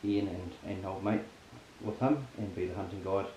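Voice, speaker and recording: A man's voice: sits low, moderate pace, mellow, lo-fi sound. A man with a broad New Zealand accent, chatting casually and matily as the host of a hunting vlog. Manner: laid-back, matey slang. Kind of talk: casual outdoor vlog talk. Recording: faint outdoor background noise.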